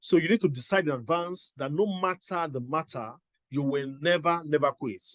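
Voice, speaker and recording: A man's voice: fairly high pitch, moderate pace, a bit bright, no room sound. A middle-aged man giving a motivational teaching talk, emphatic and repeating his exhortations. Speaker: motivational coach.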